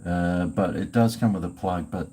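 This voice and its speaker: An Australian-accented live streamer chats casually with his viewers, rambling and swearing in a blokey way. His low-pitched voice is mellow and moves at a moderate pace.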